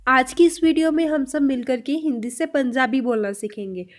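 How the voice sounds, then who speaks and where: A woman with a fairly high voice leads a spoken language lesson. She explains clearly and patiently, addressing her viewers directly. She says each example sentence at a slow pace and repeats it. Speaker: language teacher.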